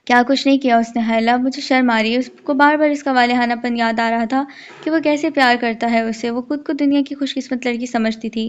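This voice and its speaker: Woman, audiobook narrator, romance novel, flat even tone, muffled lo-fi sound. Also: on the high side, fast. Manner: reads every role in much the same voice.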